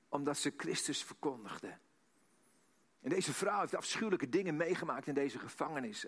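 A man preaching a sermon, swinging between hushed, near-whispered passages and emphatic lines, repeating phrases for emphasis. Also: fairly high pitch.

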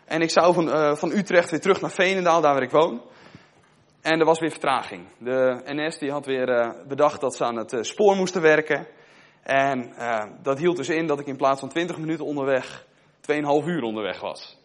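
A man's voice: fairly high pitch, normal speed. A young man giving a sermon in a conversational way, asking his listeners questions and telling a personal story. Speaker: preacher.

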